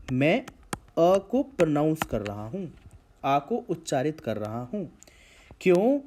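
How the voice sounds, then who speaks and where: A man's voice: fairly high pitch, dark tone, slight background noise. A man teaching a grammar lesson to schoolchildren, explaining patiently step by step and drawing out vowel sounds to show pronunciation.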